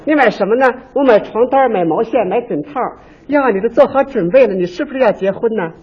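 A man's voice: extremely high pitch, animated, fairly quick, husky, exaggerated voice. A man voicing chatty young unmarried women who tease and scold each other, on a dull lo-fi stage recording. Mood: coy scolding. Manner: coy bickering girlish chatter.

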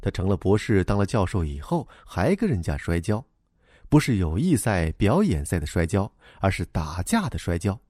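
A man's voice: low-pitched, sing-song, normal speed, darkish tone, no echo, clean studio sound. A man reading a storybook aloud as narrator, in a wry, playful way.

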